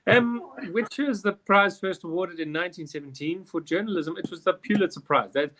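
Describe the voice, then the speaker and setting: A man's voice: sits high, a little fast, sharp tone, a little hiss or hum. A man, hosting a live online quiz in a chatty, rambling way with jokey asides. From South Africa. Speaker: quiz host. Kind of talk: casual live quiz chat.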